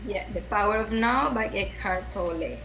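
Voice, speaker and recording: Gravelly and fairly bright, a medium-pitched female voice moves at a moderate pace over a rough recording. The speaker, a woman from Venezuela with a Venezuelan Spanish accent, is a podcast guest in a conversational interview who earnestly searches for words, restarting and repeating phrases.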